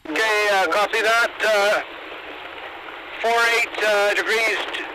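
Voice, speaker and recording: High-pitched man over a two-way radio. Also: steady tone, takes it slowly. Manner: hesitant, reads back numbers carefully. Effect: heard over a two-way radio. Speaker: rescue boat crew member. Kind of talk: radio procedure calls. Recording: noisy two-way radio transmission.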